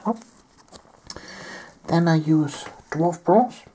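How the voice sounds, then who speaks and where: A woman from Germany, talking softly through a painting tutorial while she has a cold and keeps clearing her throat. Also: sits low, extremely slow, slight background noise. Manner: soft-spoken, often near a whisper. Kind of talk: step-by-step tutorial narration.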